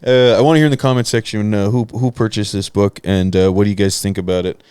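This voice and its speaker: A man with an East Coast Canadian accent, chatting in a relaxed way on a podcast. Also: on the low side, fast talker, smooth, no room sound. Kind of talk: casual chat.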